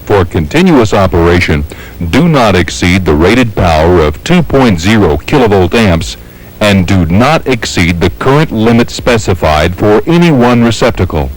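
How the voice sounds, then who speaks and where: On a low-quality recording, an American man reads a training film's scripted instructions formally and methodically, step by step. He has a fairly low pitch and a sing-song delivery at normal speed.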